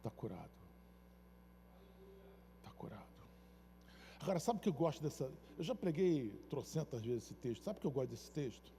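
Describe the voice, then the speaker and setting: This bishop from Brazil talks fast in a fairly high voice with lively intonation, hardly pausing as he preaches his sermon in Carioca Portuguese. He dramatizes stories by performing the characters' shouts and soft pleas, and the recording has a long reverb tail and a noisy background.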